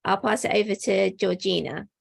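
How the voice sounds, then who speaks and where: A woman community builder introduces herself on a video call, sounding excited. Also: medium pitch, normal speed, creaky, breathy edge.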